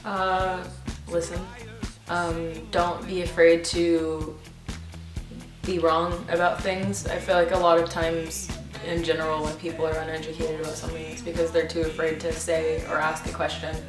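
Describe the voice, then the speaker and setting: A woman in her twenties answering interview questions casually, thoughtful and halting, with frequent ums. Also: low voice, level tone, recorded from a distance. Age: 20s. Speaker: interview guest. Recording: roomy, off-mic, with music behind.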